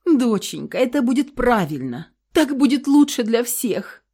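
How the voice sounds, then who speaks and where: A woman's voice: very animated, unhurried, dark tone, slightly rough, exaggerated voice. A woman voicing a middle-aged mother who pleads tearfully and urgently with her daughter in an audiobook. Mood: pleading. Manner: high, pleading, sobbing.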